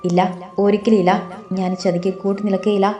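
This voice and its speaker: A woman's voice: medium pitch, little pitch movement, fast talker, warm tone, roomy sound, lightly acted. Woman reading as a tearful wronged young bride. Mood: pleading. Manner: pleading, tearful.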